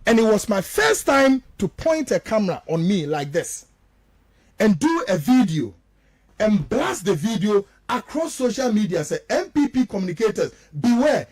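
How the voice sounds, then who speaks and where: With a high-pitched voice and no echo, a man with a Ghanaian accent offers impassioned, accusatory political commentary on the radio. He mixes two languages and repeats phrases for stress.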